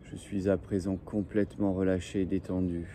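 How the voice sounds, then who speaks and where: A man leading a guided breathing and relaxation meditation in slow, soothing, repetitive phrases, like a relaxation guide. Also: sits low, little pitch movement, dark tone. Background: faint birdsong and ambient noise.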